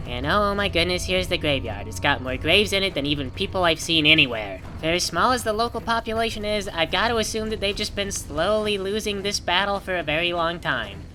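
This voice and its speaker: A woman's voice: fairly low pitch, lively intonation, a little fast, few pauses, sharp tone, soft background music. A woman hosting a rambling video game commentary in a wry, sarcastic manner. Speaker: gaming video host.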